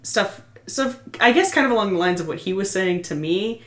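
A woman's voice: mid-range voice, animated, moderate pace, fairly bright tone, echoey room. A woman player in a tabletop game, explaining her moves in a rambling, laughing way. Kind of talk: casual tabletop play.

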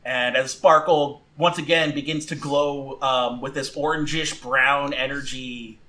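Bright-voiced man narrating a game. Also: medium pitch, steady tone, a little slow. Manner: rambling with fillers and restarts. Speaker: game master.

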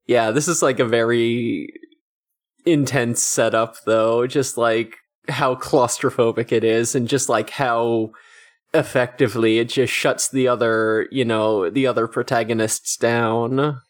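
A man's voice: medium pitch, steady tone, unhurried. A man casually recapping an episode as a podcast co-host, loose and full of fillers like "like" and "you know". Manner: loose, filler-heavy storytelling with swearing.

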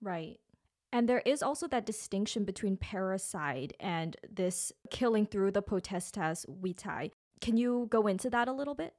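A woman's voice: mid-range voice, expressive, darkish tone. Thoughtful woman hosting an interview. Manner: measured, thoughtful questioning. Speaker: podcast host.

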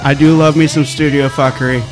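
A man's voice: a little high, flat delivery, quick pace, music in the background. A man co-hosting a podcast in casual chat, joking and swearing freely. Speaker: podcast co-host.

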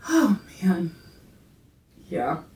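A woman's voice: on the low side, sing-song, drawn-out words, darkish tone, recorded from a distance. A woman in her thirties co-hosting a podcast, chatting casually and giving blunt, profane advice to listeners. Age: 30s. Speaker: podcast co-host. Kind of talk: casual chat. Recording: roomy echo.

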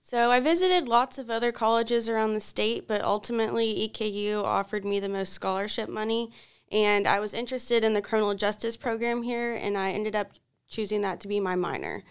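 A college student in her twenties from Kentucky, a woman answering interview questions in a friendly, steady way. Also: mid-range voice, brisk, clean tone. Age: 20s. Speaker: student guest.

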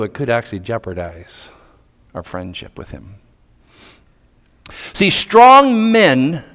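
A man from Nova Scotia preaches a sermon, dramatically moving between hushed questions and loud, emphatic points. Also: medium pitch. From Nova Scotia, Canada. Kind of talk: sermon to men, storytelling with pointed rhetorical questions. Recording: reverberant hall.

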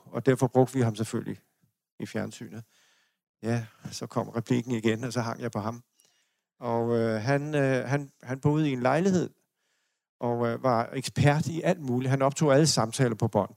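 Older Danish male lecturer, gravelly voice, meandering anecdotal delivery. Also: mid-range voice, a little mellow, no echo, studio quality. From Denmark. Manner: rambling anecdotal storytelling with restarts and chuckles. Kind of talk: personal storytelling lecture. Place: lecture hall.

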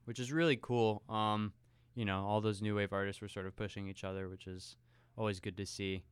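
A man co-hosting a film podcast, talking in a relaxed, conversational way. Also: fairly low pitch, a little fast, smooth, no room sound. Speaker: podcast co-host. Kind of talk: casual film podcast chat.

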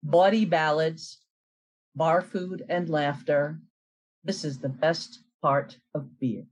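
A woman's voice: low-pitched, steady tone, slow pace, darkish tone, poor audio. A woman taking part in a writing group, chatting casually and reading her own short verse.

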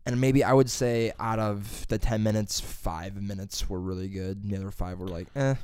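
A man, a stand-up comedian, telling a profane, animated story in casual podcast chat and acting out the quotes. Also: fairly low pitch, moderate pace, clean tone, no room sound, clean studio sound.

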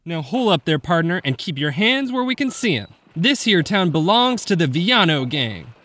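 A jittery young frontier ruffian in a red bandana, played by a man, who talks in a folksy drawl and stumbles over his words when nervous. His pitch swings widely from line to line. The piece is a comedy radio western. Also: very animated, moderate pace, a bit bright. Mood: threatening.

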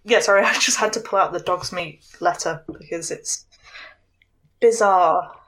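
Lady podcast cohost, slightly low voice, rambly casual storytelling. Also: moderate pace, a crowd in the background, poor audio. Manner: digressive, rambling. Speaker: podcast co-host. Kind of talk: casual chat with anecdotes.

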